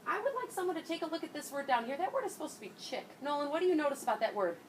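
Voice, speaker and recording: A woman's voice: high-pitched, sing-song, racing, reverberant. A woman teaching young children in an encouraging kindergarten-teacher manner, asking questions and repeating their answers back to them. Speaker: early grade teacher leading class discussion. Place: classroom with children. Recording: noisy classroom, picked up from far off.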